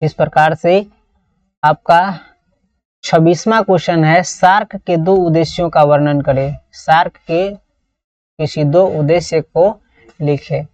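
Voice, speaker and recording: This political science teacher has a deep, slightly mellow voice with a steady tone, speaking unhurriedly and pausing often. With a Bihari accent, she teaches an exam-prep lesson, reading model answers didactically and repeating phrases. She's recorded from a distance in a roomy, echoing space, and the sound is dull and lo-fi.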